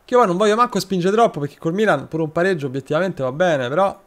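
A quick, high-pitched male voice with a bit of brightness narrates a live session of a football manager game. He gives shout-outs to chat, thanks subscribers and talks directly to his players.

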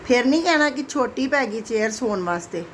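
Doting woman coaxing her pet, high voice. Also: animated, brisk, a little hiss or hum. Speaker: vlogger. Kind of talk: casual home vlog talking to her pet.

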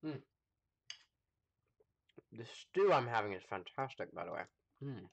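A man with an American accent chatting casually to viewers during a live game stream, rambling with lots of fillers and pausing to eat. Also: mid-range voice, sing-song, gravelly. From United States. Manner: rambling, chatty, full of fillers, talks while eating. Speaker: livestreamer playing a space game.

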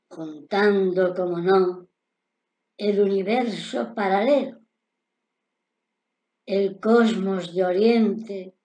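An older man reciting his own poem in a solemn, dramatic declamation, with deliberate pauses, recorded in a room at home. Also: sits high, darkish tone. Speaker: poet reciting own work.

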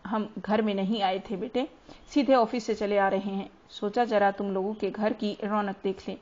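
Brief: woman voicing a big, loud family friend in a storybook reading, brusque and hearty, on a muffled recording. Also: mid-range voice, steady tone, moderate pace, natural voice. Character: tall booming middle-aged man, gruff even when kind. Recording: dull lo-fi recording.

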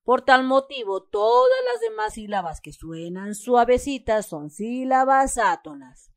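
A woman's voice: on the high side, very animated, measured pace, gravelly, dry recording. A woman with a Mexican Spanish accent explains a schoolbook exercise step by step, patiently stressing syllables as she reads example words. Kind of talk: step-by-step homework lesson.

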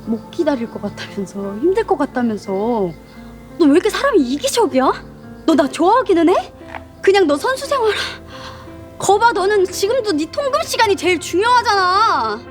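An actress playing a frustrated young woman, a college senior, arguing with her younger boyfriend in a web drama; she speaks in a sharp, accusing way. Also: high-pitched, lively intonation, normal speed, long pauses, soft background music. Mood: angry, hurt. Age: young adult.

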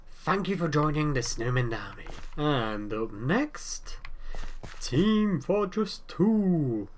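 A man's slightly high, very animated voice comes through slowly, nasal and stuffed from a cold. Hosting his gaming channel, he offers chatty, self-mocking commentary and reacts aloud while playing, with game sounds and keyboard noise in the background.

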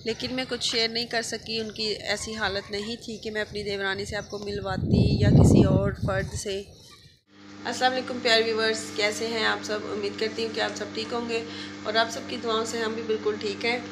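A family vlogger in her thirties with a sore throat chats directly to viewers, holding her phone at arm's length in her home bedroom and on a rooftop with hens. Her voice is on the high side with little pitch movement and a brisk pace, set against heavy background noise.

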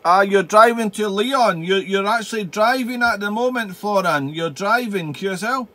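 Ham radio guy at home, kinda high voice, casual chat, repeats stuff, uses call signs and phonetic alphabet. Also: normal speed, bright, forceful tone. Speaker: amateur radio operator, channel host. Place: small home radio room.

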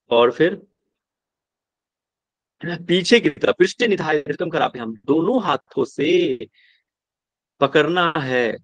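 A male yoga teacher, at a middle pitch. He chants old verses slowly and explains them in brisk, plain classroom talk. The sound is dry and close. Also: dry recording, muffled recording. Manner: chants verses slowly, then explains quickly with "ठीक है?" checks.

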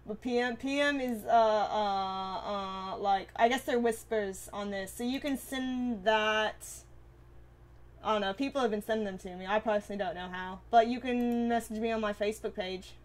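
A woman's voice: medium pitch, normal speed. Bubbly streamer woman chatting with viewers. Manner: bubbly, swears freely, laughs often. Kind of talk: casual live-stream chat, reading viewer comments.

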